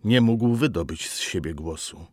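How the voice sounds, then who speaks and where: Male narrator, low voice, lively expressive pitch, audiobook reading, dry close sound. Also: dry recording. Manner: slow, expressive storytelling with dramatic pauses.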